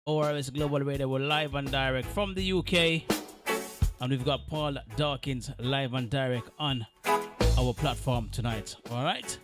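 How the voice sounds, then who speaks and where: A man's voice: medium pitch, normal speed, over loud music. A man hosting a live radio interview, friendly and chatty, with many fillers and repeated thanks. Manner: friendly, repeats himself, lots of fillers and big-ups. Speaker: radio show host.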